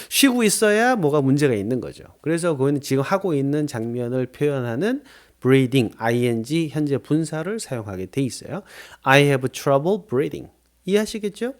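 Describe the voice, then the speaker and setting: A middle-aged man teaching an English lesson. He spells out words and drills pronunciation slowly, often checking in with his listeners. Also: a little high, big pitch swings, a little mellow. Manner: asks rhetorical check-ins.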